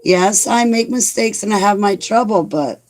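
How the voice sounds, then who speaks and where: A woman's voice: mid-range voice, normal speed, darkish tone. 40-something woman vlogging, lots of "like", pokes fun at herself. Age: 40s. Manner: chatty and self-mocking, rambling with many "like"s. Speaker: vlogger talking to viewers. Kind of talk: casual chat reading live comments.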